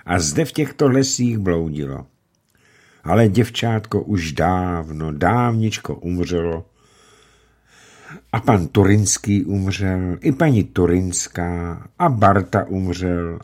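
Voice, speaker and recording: Husky low-voiced male storyteller. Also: expressive. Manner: warm, storytelling address to children. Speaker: narrator. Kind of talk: storybook reading for children.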